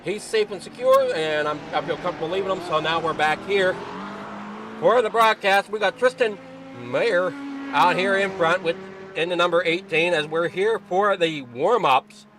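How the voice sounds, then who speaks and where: A man hosts an online racing broadcast in a loose, chatty commentary style, a little winded as he talks. His voice sits fairly high for a man. A faint hiss of noise runs under the recording. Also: sing-song, moderate pace. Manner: casual, apologetic, slightly rambling. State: a little out of breath.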